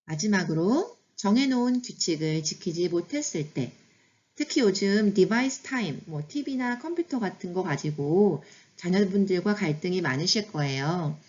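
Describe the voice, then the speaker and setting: A woman's voice: lowish voice, darkish tone, highs cut off. A woman who is a mother hosting a parenting lesson, explaining situations in a chatty, instructive way before giving set phrases.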